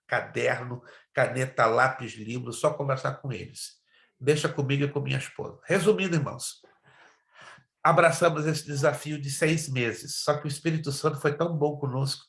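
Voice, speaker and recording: A Brazilian pastor whose native language is Spanish and who speaks with a Brazilian accent teaches a theology class like a preacher, emphatic and exhorting, repeating phrases, questioning his listeners, and sharing personal testimony. His mid-range voice is gravelly and a bit bright, recorded in a roomy, echoing space.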